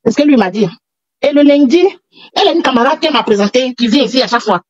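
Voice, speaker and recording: A breathless, agitated woman, pouring out her story to a call-in host with a fairly high voice. The audio is dull and dry, like a lo-fi call recording. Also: expressive, quick pace, no echo. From Africa. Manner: agitated, repeats herself. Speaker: caller. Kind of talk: telling a personal story on a call.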